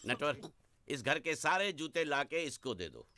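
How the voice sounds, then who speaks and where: A commanding, scheming merchant boss in a film comedy, gruff and bossy. His voice sits high and bright, with sharp edges, and it swings widely in pitch as he scolds and schemes. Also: big pitch swings, unhurried, a little hiss or hum, full character voice. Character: stern, scheming rich male merchant boss. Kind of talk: Hindi film comedy dialogue.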